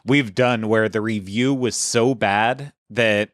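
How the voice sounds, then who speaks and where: Chatty low-voiced male podcast host. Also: fairly even intonation, slow pace, a bit bright, no echo, studio quality. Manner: chatty, rambling with restarts. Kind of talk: casual podcast chat.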